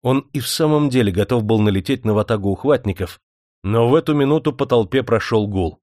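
A male audiobook narrator tells the story at a steady, measured pace, his voice pitched at an ordinary middle. The recording is close and dry, with no room around it. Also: no room sound. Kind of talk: scripted narration.

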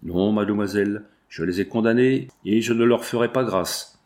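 A man's voice: on the low side, animated, normal speed, a little mellow. A man voicing a stern vengeful magistrate. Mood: furious. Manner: cold, accusing and relentless. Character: stern vengeful middle-aged male magistrate. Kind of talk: audiobook character reading.

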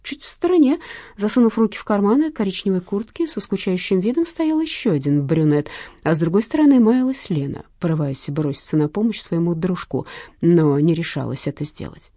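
A woman reading a first-person audiobook with expressive storytelling. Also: lowish voice, fairly quick, no room sound, studio quality. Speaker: audiobook reader.

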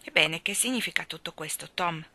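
A crotchety, suspicious old miser with a sharp, bright voice pitched low, as a woman reader puts him on. He snaps at visitors in a storybook reading. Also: fairly quick, heavily acted. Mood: testy. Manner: testy and suspicious.

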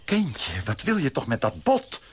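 A pompous prim suitor. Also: male voice, wildly swooping pitch, measured pace, slight background noise. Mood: fussy. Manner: pompous, indignant, swoops high when shocked. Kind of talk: radio play acting.

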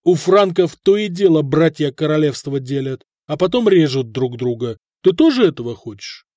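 Audiobook: male narrator as a cold, stubborn prince, firm and cutting, fairly high voice, dry close sound. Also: lively intonation, normal speed, dark tone, no echo, close to an everyday voice. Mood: loud, cutting. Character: stern, cold middle-aged prince, stubborn ruler.

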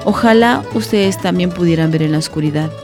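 A woman voicing an excitable young female fruit bat in a storybook reading, with a squeaky, eager voice. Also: a little fast, faint music behind, close to an everyday voice. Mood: excited. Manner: squeaky, wide-eyed, eager.

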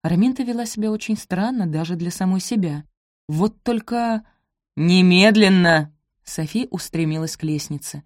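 A woman narrating an audiobook at a steady, measured pace. Her voice sits on the lower side, and the recording is dry and close, with no room sound. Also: no echo.

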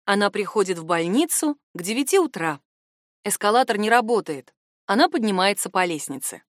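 A woman reading a novel aloud as narrator, in an even, composed way. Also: medium pitch, brisk, no echo, clean studio sound. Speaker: audiobook narrator. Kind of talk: scripted narration.

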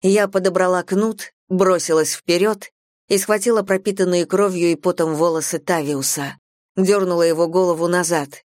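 Woman audiobook narrator, first person, measured and dramatic, lower voice, very dry close sound. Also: fairly even intonation, a little mellow, no room sound.

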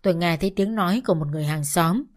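A woman reading a dramatic first-person story aloud in a steady narrating voice. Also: lowish voice, rapid-fire, soft background music.

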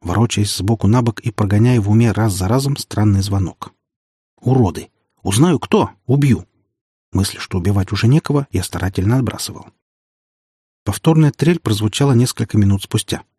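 A man narrates a first-person audiobook in a steady, matter-of-fact way. His voice is fairly low and husky. The recording is close and dry with no room sound. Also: a little fast, no room sound.

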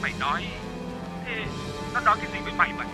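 A man voicing a furious, domineering older father who shouts and swears. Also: high voice, lively intonation, racing, over music, pitched above the performer's own voice.

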